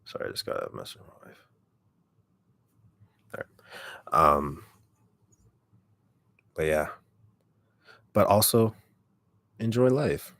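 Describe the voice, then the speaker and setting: A man with a deep, raspy voice chatting casually on a livestream, relaxed and rambling, speaking very close to the microphone. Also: slow pace, long pauses, dry recording. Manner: relaxed, rambling, heavy use of "like". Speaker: ASMR content creator on a livestream. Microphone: microphone held very close.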